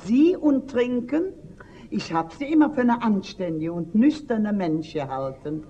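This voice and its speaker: An actress playing a prim, nosy middle-aged spinster schoolteacher in a stage comedy, fussy and indignant. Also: female voice, medium pitch, lively intonation, a little slow, warm tone, dull audio, close to an everyday voice. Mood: scandalized. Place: theater stage.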